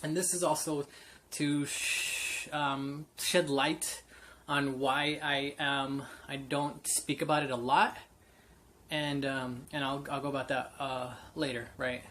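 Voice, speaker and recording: His voice sits on the high side and sounds fairly bright, with slight hiss or hum behind it. This late-twenties vlogger tells an unscripted personal story to camera, candid and meandering, full of fillers and restarts.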